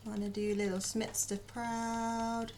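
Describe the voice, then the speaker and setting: A woman's voice: a little high, little pitch movement, takes it slowly, a little mellow, a little hiss or hum. A woman streaming as she draws, chatting casually, muttering to herself and answering her chat.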